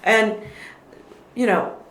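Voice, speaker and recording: A woman guest on a podcast joins a casual political conversation, choosing her words thoughtfully and carefully and often restarting sentences. Her medium-pitched voice is a bit bright, and she draws words out. The room is echoey, with faint noise.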